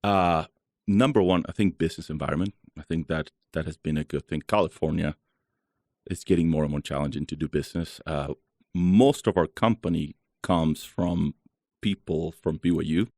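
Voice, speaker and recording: A man from Chile speaks in a very deep, gravelly voice, relaxed and chatty, with lots of "uh" fillers as he talks. He is recorded close on a dry mic with no room sound. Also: normal speed, dry recording. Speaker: guest, solar company founder. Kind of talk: casual interview talk.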